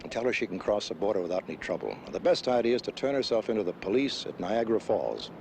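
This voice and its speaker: A man playing a commanding, dryly wry police captain in a 1970s television crime drama, with a brisk, authoritative manner. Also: fairly low pitch, big pitch swings, creaky, a little mellow, slight background noise. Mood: calm, reassuring. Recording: 1970s TV soundtrack with music.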